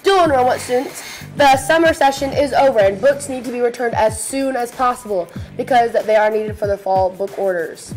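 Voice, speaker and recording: A woman's voice: on the high side, moderate pace, darkish tone, soft background music, low-quality recording. A teenage young woman co-hosting student news, reading school announcements in a chatty, playful manner. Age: teens. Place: small school video studio, seated at desk.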